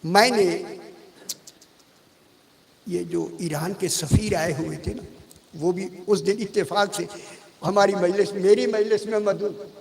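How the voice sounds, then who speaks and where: A man's voice: high voice, steady tone, takes it slowly, gravelly, pauses often, a little mellow. Guy preaching at a majlis, talks to the crowd like a chat, big echoey hall. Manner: conversational storytelling, addresses the audience directly. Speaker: religious scholar giving a majlis sermon. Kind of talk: Urdu majlis sermon with anecdotes. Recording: long reverb of a hall.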